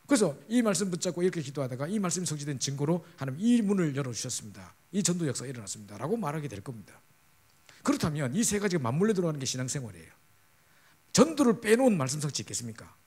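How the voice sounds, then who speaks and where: A middle-aged man preaches a sermon in a husky, slightly breathy voice that sits a bit high for a man. His delivery swings widely in pitch and moves at a fast clip, and he is emphatic, often pausing to ask the listeners for agreement. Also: big pitch swings, a little mellow. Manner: emphatic, repeatedly asks the audience for agreement. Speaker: pastor.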